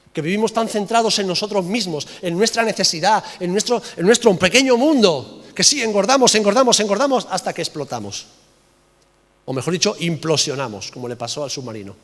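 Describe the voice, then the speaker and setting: Impassioned high-voiced man preaching in a hall. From Spain. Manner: impassioned preaching, rising and dropping to soft emphasis, repeating phrases. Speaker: pastor. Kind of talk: sermon.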